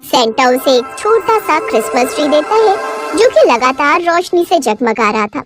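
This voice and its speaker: Woman storyteller, cartoon narration, high voice, animated pitch. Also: moderate pace, over music.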